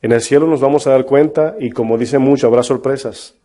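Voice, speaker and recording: A man's voice: medium pitch, steady tone, brisk, mellow. Emphatic male pastor preaching. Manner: emphatic, rhetorical questions to the congregation; mocks false prophets in a put-on voice. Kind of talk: sermon.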